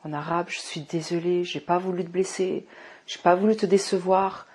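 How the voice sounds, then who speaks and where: A woman in her thirties from France giving a personal faith testimony, emotional and often restarting, moving between hushed and fervent speech. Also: fairly low pitch, fairly even intonation, moderate pace, a little hiss or hum. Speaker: testimony speaker.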